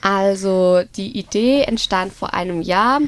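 A woman's voice: mid-range voice, unhurried, clear, resonant tone. A twenty-year-old woman student, earnestly explaining her project in a studio interview. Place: radio studio.

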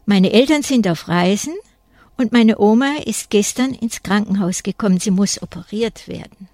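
A woman's voice: mid-range voice, normal speed, darkish tone, no echo, lightly acted. A woman reading a children's story aloud, voicing a stubborn, indignant schoolgirl in a dry, close voice. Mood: defiant. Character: defiant schoolgirl with a big dog.

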